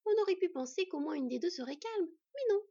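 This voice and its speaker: A woman's voice: very high voice, expressive, fairly quick, warm tone, voice pushed up. A woman voicing a fussy, motherly female dwarf who talks in a chatty, exasperated way, in a storybook reading. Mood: fussing. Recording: dull lo-fi recording.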